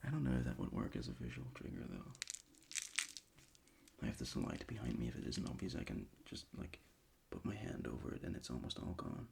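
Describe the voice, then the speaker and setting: A non-native English-speaking man whispers a soft ASMR chat at his bedroom desk, rambling, scatterbrained, and frequently restarting. His mostly unvoiced voice is very gravelly, with lively pitch and a brisk pace. The noisy home recording also captures objects being crinkled and crumpled.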